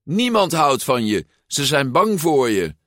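A man voicing an outspoken, quick-witted young girl in a storybook reading. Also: medium pitch, very animated, a bit bright, no room sound, studio quality, pitched above the performer's own voice. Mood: defiant. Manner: determined, outspoken.

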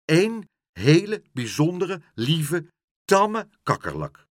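A man's voice: a little high, huge pitch swings, moderate pace, dry recording, studio quality, voice pushed up. A man doing a small, indignant boy. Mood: insistent. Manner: indignant, insistent. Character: small spirited boy with a red cap.

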